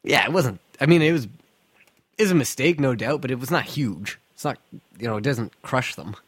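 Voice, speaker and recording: A man's voice: medium pitch, animated, normal speed, slightly rough, no room sound. A man hosting a casual sports podcast from an attic, speaking bluntly and profanely with strong opinions. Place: attic of a house, recording in summer heat.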